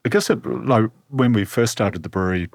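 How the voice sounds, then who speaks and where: A man with a Kiwi accent from New Zealand tells stories casually as an interview guest, halting and repeating words as he goes. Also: mid-range voice, gravelly, dry recording, clean studio sound. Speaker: brewery co-founder, guest.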